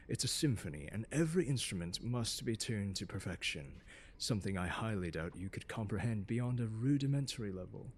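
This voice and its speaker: In an ASMR roleplay, a man plays a haughty genius scholar, lecturing his pupil directly in second person. His fairly low, husky voice has a darkish tone, and his diction is deliberate and articulate, dripping with open, mocking condescension.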